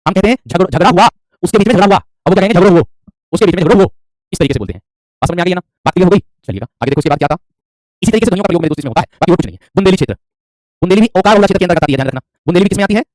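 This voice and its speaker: A man's voice: sits high, expressive, rapid-fire, a little mellow, no room sound, clean studio sound. A man teaching Hindi dialects in an online class, repeating points and quizzing his students. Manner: repetitive, quizzing, calls students "my friend".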